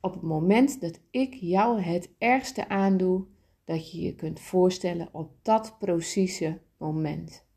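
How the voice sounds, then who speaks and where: A woman's voice: lowish voice, slow, slightly rough, exaggerated voice. A woman voicing a kind, wise soul. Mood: gentle. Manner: gentle, patient explaining.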